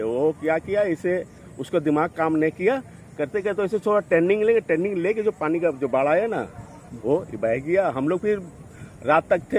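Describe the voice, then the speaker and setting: A local man talks in a rambling, repetitive way, often stopping to clear his throat. His voice sits a little high for a man, and faint street noise carries around him outdoors. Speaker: local eyewitness. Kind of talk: street interview.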